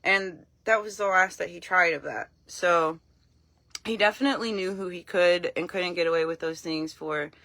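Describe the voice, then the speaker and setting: A woman talking casually on a live stream, frank and blunt, telling her story in an animated way and acting out what people said. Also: on the low side, moderate pace, no echo. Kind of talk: casual talk to camera.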